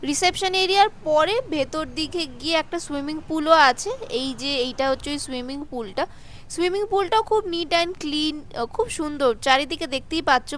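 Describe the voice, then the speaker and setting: A woman's voice: sits high, a bit bright. A woman gives a hotel tour in casual vlog narration. She gushes with praise and fills her talk with "মানে". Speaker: travel vlogger. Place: hotel room and grounds.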